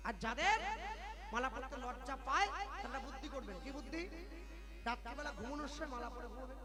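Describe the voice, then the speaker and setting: High-voiced man preaching and chanting kirtan. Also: brisk. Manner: exhorting, leads loud call-and-response chants. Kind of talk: devotional kirtan sermon with chanting. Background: loud devotional music accompaniment.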